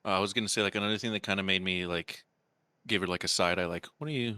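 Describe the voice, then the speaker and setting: A man co-hosting a podcast, musing in relaxed casual chat. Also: deep voice, fast talker, dry recording. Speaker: podcast co-host.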